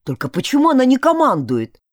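Female reader as a whiny big young male dog, sulky, storybook, lively pitch. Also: fairly quick, dry recording, studio quality. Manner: sulky, complaining.

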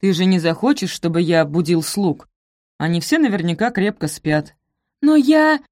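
A woman voicing an affectionate, teasing young man who mumbles in a low, drowsy voice. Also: lively intonation, normal speed, darkish tone, no room sound, studio quality, natural voice.

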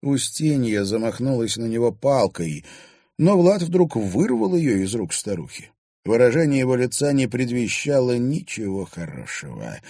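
A man reads an audiobook in a measured, expressive voice. His intonation moves a lot, and the recording is close and dry. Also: mid-range voice, no echo. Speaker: audiobook narrator. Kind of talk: scripted narration.

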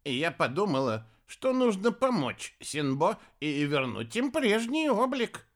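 A man voicing a mild, absent-minded old granny witch who speaks slowly. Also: high voice, sing-song, pitched above the performer's own voice. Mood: mild, puzzled. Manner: slow, puzzled and mild.

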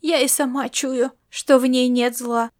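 Woman voicing a shrill furious old grandmother. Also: fairly even intonation, unhurried. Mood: grumbling. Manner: shrill scolding, turns to sobbing and whispers. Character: fierce superstitious old grandmother, quick to anger. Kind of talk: audiobook character voice.

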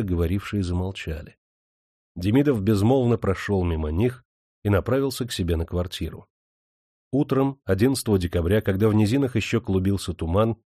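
A man reads a historical audiobook in a measured, even storytelling manner. His voice is lowish and mellow, recorded close on a dry studio mic with no room sound. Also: dry recording. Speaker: audiobook narrator. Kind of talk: scripted narration.

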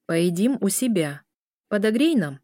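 A woman's voice: medium pitch, sing-song, measured pace, mellow, dry recording, clean studio sound. A woman voicing a possessive werewolf husband who speaks in curt, commanding orders.

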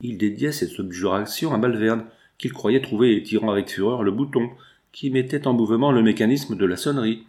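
A man's voice: on the low side, brisk, darkish tone. Man narrating a classic novel. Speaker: audiobook narrator. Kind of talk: scripted narration.

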